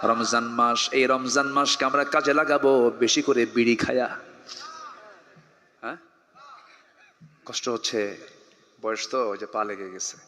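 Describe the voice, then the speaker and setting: A man preaching a sermon to a large gathering, joking and urging the crowd to answer louder. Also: mid-range voice, a little slow, long pauses, roomy sound, in a large hall, a little hiss or hum. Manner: animated, jokes and calls on the audience to answer louder. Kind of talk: Bengali waz sermon to a crowd.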